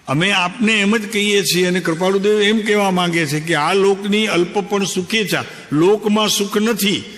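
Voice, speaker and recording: A man's voice: high voice, fairly bright tone. An older man, a spiritual teacher giving a conversational, anecdotal discourse and putting questions to his listeners. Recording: long hall reverb.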